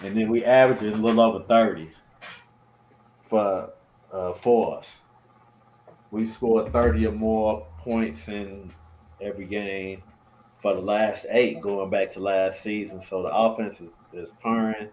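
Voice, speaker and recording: Man, casual sports chat, relaxed drawl, lowish pitch, echoey room. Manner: laid-back, drawn-out, trails off with "man". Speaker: podcast co-host. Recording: roomy echo, faint background noise.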